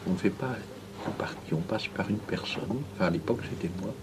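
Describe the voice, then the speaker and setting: A man talking informally and haltingly, repeating himself for emphasis, secretly recorded on a hidden mic. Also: lowish voice, background noise. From Belgium. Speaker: interviewee, former political go-between.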